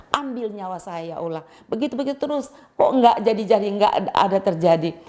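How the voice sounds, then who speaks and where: Animated woman telling her testimony. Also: medium pitch. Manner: animated storytelling, acting out voices of others. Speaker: speaker giving a testimony. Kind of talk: spoken testimony to a congregation.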